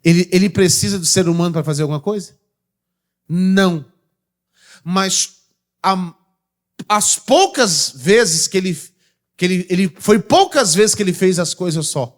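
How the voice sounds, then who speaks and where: High-voiced Brazilian pastor preaching. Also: male voice, animated, unhurried, pauses often. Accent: Brazilian Portuguese. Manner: preaching with calls to the congregation; swings between loud declarations and low asides. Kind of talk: sermon. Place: church.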